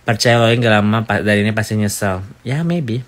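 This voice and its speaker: A man's voice: lowish voice, a little fast. A man giving casual, rambling gossip commentary in a chatty way.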